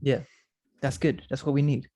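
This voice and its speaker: A man's voice: mid-range voice, steady tone, moderate pace, dark tone. A young man in his twenties co-hosting a podcast, chatting casually with lots of filler words. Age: 20s. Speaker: podcast co-host. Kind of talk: casual chat.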